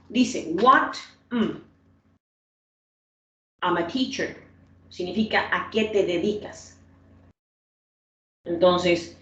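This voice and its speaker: This English teacher has a fairly low, slightly bright voice and patiently explains grammar to her class. She repeats herself and quizzes students by name. The recording is distant and roomy with a dull, lo-fi quality.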